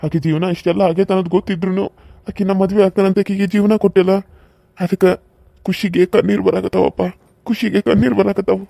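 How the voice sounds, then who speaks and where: A man voices an elderly father in a cartoon serial, grateful and moved to tears over his daughter's marriage. He speaks in a slow, folksy North Karnataka Kannada dialect. The sound is dry, with a mellow tone. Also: high voice, steady tone, vocal fry, no room sound.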